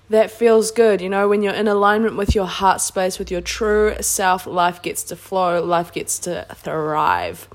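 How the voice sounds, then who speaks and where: A woman with a New Zealand accent hosting a casual solo self-help podcast, speaking earnestly, emphatically and informally. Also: medium pitch. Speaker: podcast host.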